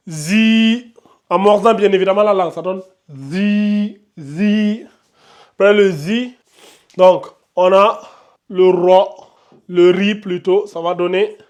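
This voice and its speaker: A man with a fairly high voice teaches Arabic pronunciation for Quran reading. He talks slowly and stretches each letter sound out so learners can copy it. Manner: slow, drawn-out demonstration of letter sounds.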